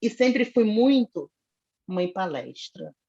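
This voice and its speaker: Husky-voiced Brazilian woman, animated storyteller. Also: mid-range voice, slow, muffled recording. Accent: Brazilian Portuguese. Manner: animated storyteller, self-described foul-mouthed. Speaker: podcast guest. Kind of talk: casual interview conversation.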